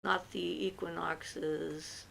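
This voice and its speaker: A woman's voice: lowish voice, flat delivery, extremely slow, vocal fry, a bit bright, low-quality recording. A woman hosting a livestream, reading out viewers' questions and answering them in a loose, chatty way with many fillers. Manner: reads viewer comments aloud, then answers at length with fillers. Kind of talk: casual livestream chat.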